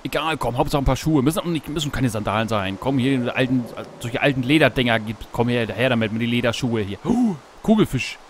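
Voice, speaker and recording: A man casually commenting on his gameplay while fishing, talking to himself, greeting animals in the game, and yelping excitedly at each catch. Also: mid-range voice, fairly quick, hardly any pauses, slight background noise. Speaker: Let's Play host. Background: background game music.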